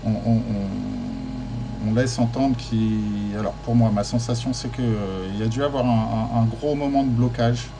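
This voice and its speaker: A man's voice: medium pitch, moderate pace, vocal fry, background noise. A man giving a tarot card reading in casual, hesitant speech full of fillers and restarts, encouraging his listeners. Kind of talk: casual spoken guidance.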